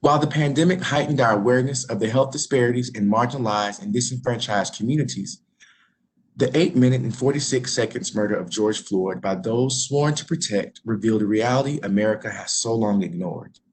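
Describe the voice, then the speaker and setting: Formal man moderating, faint noise. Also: medium pitch. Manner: measured, formal delivery. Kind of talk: reading prepared remarks.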